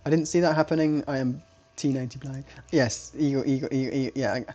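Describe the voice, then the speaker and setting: A man's voice: medium pitch, steady tone, fast, a little mellow. A man casting a strategy game live, talking in a chatty, rambling way, often restarting his sentences. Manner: rambling, self-correcting, chatty. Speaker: esports caster.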